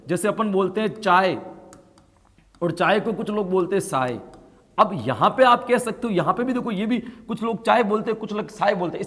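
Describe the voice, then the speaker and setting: A man from India teaching an online exam-prep class. He explains by asking questions and then answering them himself, and he gets louder on the key points. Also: sits high, big-room sound. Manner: explains by asking and answering his own questions, with frequent tag questions; grows louder and more emphatic when stressing key points.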